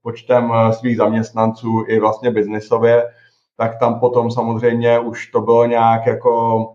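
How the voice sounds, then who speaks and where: A man's voice: mid-range voice, completely flat delivery, a little mellow. A man in his forties, a tech executive, talking casually in an interview and hesitating often with fillers and restarts. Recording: dull, roomy recording.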